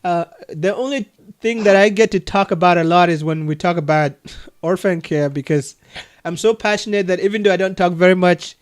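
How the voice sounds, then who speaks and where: Man from Cameroon, Cameroonian accent, high voice, earnest and halting over a video call. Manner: earnest, many restarts and soft laughs. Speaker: adoption agency leader. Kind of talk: casual video call conversation.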